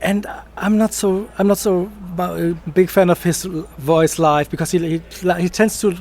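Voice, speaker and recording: A man's voice: sits high, steady tone, normal speed, a little mellow. A man giving opinions on a panel, hesitant and often restarting his words. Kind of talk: casual panel discussion.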